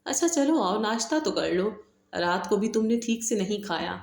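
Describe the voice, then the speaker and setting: A woman's voice: medium pitch, animated, gravelly, darkish tone. Woman voicing a tender worried older woman, coaxing, echoey room, audiobook. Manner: coaxing, fussing. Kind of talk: audiobook novel reading.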